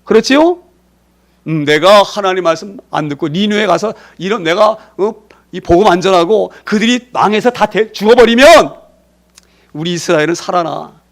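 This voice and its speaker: Pastor guy preaching hard, high voice, lots of "right?" questions, jumps loud and soft. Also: moderate pace. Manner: emphatic preaching with rhetorical questions. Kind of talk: sermon.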